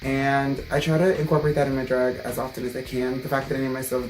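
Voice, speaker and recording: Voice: medium pitch, little pitch movement, fast talker, darkish tone, faint music behind, rough recording. A drag performer of twenty-five from New Jersey, Ecuadorian American, introducing themself to camera as a contestant in a bold, upbeat, proud way. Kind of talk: confessional to camera.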